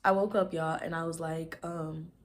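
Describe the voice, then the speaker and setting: Woman in her twenties, slightly low voice, casual vlogger who talks fast and rambles with lots of fillers. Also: level tone. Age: 20s. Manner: fast rambling talk, stumbles over words; many "like" fillers. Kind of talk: casual chat to camera.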